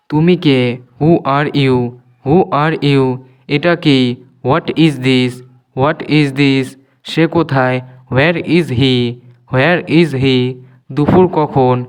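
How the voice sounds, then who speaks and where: A man's voice: fairly high pitch, clear, resonant tone, low-quality recording. A man teaching spoken English, saying a Bengali phrase and then repeating the English twice for learners. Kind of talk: slow sentence drills for learners.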